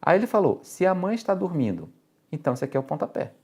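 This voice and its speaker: A Brazilian man teaches logic for exam prep in a low, dark voice. He walks through each step and keeps checking that his students follow. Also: big pitch swings, fast, breathy edge. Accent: Brazilian Portuguese. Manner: explains step by step, often checks in with "ok?" and "tá?".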